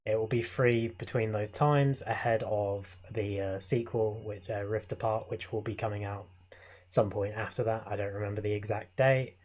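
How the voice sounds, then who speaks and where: A man's voice: fairly low pitch, fairly even intonation, moderate pace, a little mellow. A young man co-hosting a casual chat podcast, joking and teasing, often laughing. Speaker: podcast co-host.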